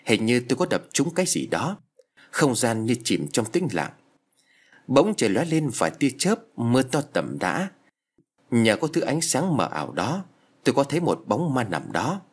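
Male horror narrator, dramatic and suspenseful, husky, expressive. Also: mid-range voice, moderate pace.

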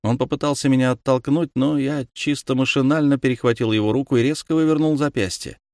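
A man narrating an audiobook in the first person, calm and measured. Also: mid-range voice, no echo, studio quality.

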